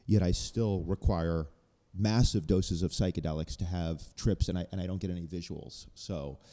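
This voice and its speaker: A man's voice: deep voice, fairly even intonation, normal speed, mellow, in a large hall. A man in casual podcast chat, earnestly explaining research at length.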